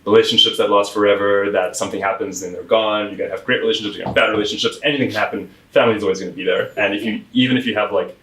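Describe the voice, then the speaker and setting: A young man from South Africa talks through his background as an interview guest, easygoing and full of "like" and "you know." His voice sits low and sounds a bit distant. The echoey room is a bright storefront space. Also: fairly even intonation, racing, few pauses. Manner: chatty storyteller, many likes and fillers, laughs often. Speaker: guest, PR firm founder. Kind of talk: casual interview chat. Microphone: lapel mic. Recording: roomy echo, mic at a distance.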